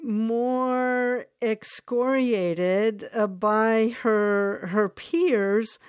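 A woman interviewing an author, asking her questions in slow, deliberate phrasing. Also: on the high side, fairly even intonation, clear, resonant tone, dry recording, clean studio sound.

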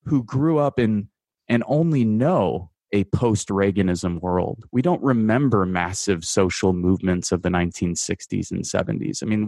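An American man in his thirties, a guest writer on a radio interview, offers measured, analytical commentary full of fillers and restarts. His voice sits low and a little mellow, and the recording is dry.

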